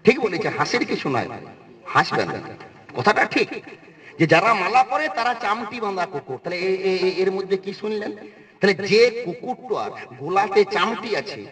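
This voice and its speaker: Male kabigan performer, very high forceful voice, teasing and preachy, echoey live sound from a distance. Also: expressive, moderate pace. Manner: teasing, preachy, addresses listeners directly. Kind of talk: live folk debate performance to an audience.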